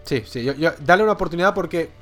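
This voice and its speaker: A man co-hosts a podcast as a casual chat reviewing series, his voice a little high and very fast. He's enthusiastic, repeating words for emphasis like "very, very, very" and restarting often, with soft music playing faintly underneath.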